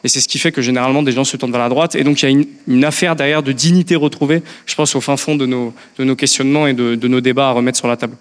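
Fast-talking man, political guest, reverb. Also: medium pitch, fairly even intonation. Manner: thoughtful, many hesitations and restarts. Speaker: member of parliament guest. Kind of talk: political discussion.

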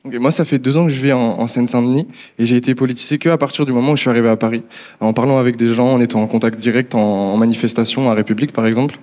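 A man's voice: mid-range voice, fairly even intonation, racing, darkish tone, in a large hall. A young man hosting a political discussion show, asking earnest questions of his guest. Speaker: show host interviewer.

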